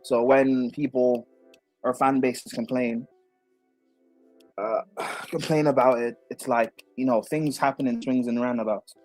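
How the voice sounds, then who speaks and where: Man on a muffled, bass-only mic. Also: fairly even intonation, darkish tone, no echo, soft background music. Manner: hesitant, halting, many fillers. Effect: muffled underwater-sounding mic, bass only. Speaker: guest football pundit. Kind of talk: casual chat. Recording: muffled dull microphone audio.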